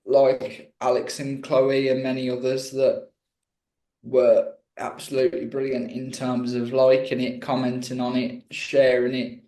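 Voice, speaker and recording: A man's voice: mid-range voice, completely flat delivery, measured pace, warm tone. A talkative man from Birmingham, England, telling his story in a casual interview. His speech rambles and he pokes fun at himself. The sound is roomy and echoey. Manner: chatty, rambling, self-deprecating. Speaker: guest musician.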